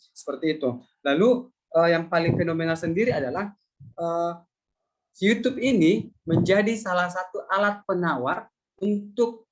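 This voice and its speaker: A man giving a public lecture in a somewhat high voice. He speaks in a relaxed, conversational way, often repeating phrases and adding fillers as he explains. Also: low-quality recording. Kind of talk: public lecture answering questions.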